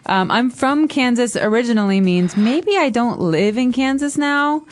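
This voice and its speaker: A woman's voice: fairly high pitch, lively intonation, moderate pace. A woman from Chicago co-hosting an English lesson podcast, explaining phrases emphatically. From Chicago, United States. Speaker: podcast host, English teacher.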